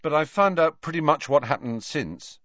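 A man voicing a quiet, steady teenage boy who presses his point in a level voice, in a storybook reading. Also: on the high side, moderate pace, no echo, lo-fi sound, pitched above the performer's own voice. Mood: calm.

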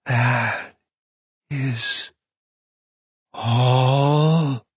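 A man voicing a ghostly young woman who speaks in an ethereal, distant, breathy whisper, slow and hushed. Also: medium pitch, steady tone, dry recording, full character voice. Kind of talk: audiobook narration.

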